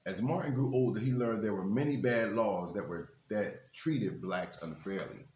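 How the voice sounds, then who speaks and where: As a guest reader for a basketball team's literacy program, a man reads a children's book at normal speed in a fairly low, darkish voice, pausing for casual, encouraging comments to the kids. The recording is muffled and echoes around a reverberant room.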